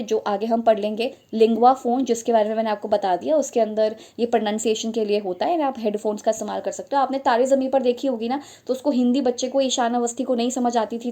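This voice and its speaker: With a fairly high, mellow voice, a young adult woman coaches students for teaching exams, breaking things down step by step. She tends to repeat herself and mixes in bits of English.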